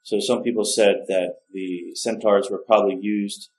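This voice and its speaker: A man with a fairly low voice talks through a digital coloring session in a loose, casual way. He rambles, backtracks and corrects himself, and sounds unsure of the names he says. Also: fairly even intonation, moderate pace, rough recording. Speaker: art tutorial host. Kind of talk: casual narrated drawing tutorial.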